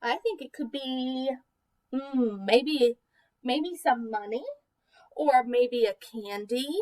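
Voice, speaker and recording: This high-voiced woman plays teacher, reading a picture book to small children in an expressive, deliberate way and asking them questions. She's far from the mic, and the recording is rough.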